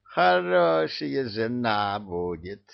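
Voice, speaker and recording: A man's voice: mid-range voice, big pitch swings, very slow, creaky, highs cut off, pitched above the performer's own voice, exaggerated voice. A man voicing Koschei, a drunken, boastful immortal old villain with a coarse, blustering manner, in an audiobook. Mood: drunken glee.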